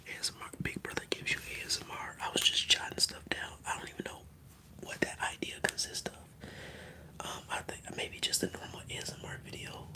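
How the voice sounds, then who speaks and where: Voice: brisk, low-quality recording. Whispering ASMR streamer, casual and rambling. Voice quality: whispered, mostly unvoiced. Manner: casual, rambling, slangy with "y'all" and "bro". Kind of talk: whispered ASMR livestream chat.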